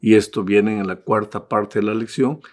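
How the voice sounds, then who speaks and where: A middle-aged male pastor giving an impassioned Bible study sermon, driving points home with emphatic repetition and swinging between loud appeals and hushed tones. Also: on the low side, fairly even intonation, normal speed.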